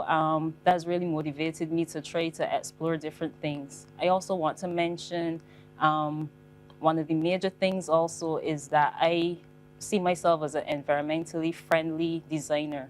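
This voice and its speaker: Young woman, low voice, measured panel speaker. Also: little pitch movement, a little hiss or hum. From Barbados. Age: young adult. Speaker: fashion designer on a panel. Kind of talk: panel talk.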